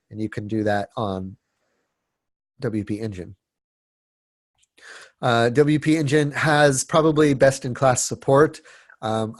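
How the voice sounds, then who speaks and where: Presenting a webinar with a stuffy, sniffling cold, a man speaks informally and keeps restarting, repeating words, and leaning on fillers. His voice is medium in pitch and slightly mellow, with no echo.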